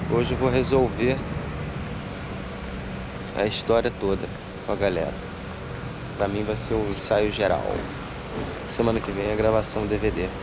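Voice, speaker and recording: Man vlogging over loud street noise. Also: lowish voice, steady tone, moderate pace, pauses often. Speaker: touring musician vlogging. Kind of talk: casual vlog narration.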